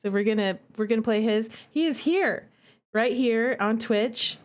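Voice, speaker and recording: A woman who streams and develops games gives casual live commentary, chatty and expressive, often repeating herself for emphasis. Her voice is a little high and her pace measured.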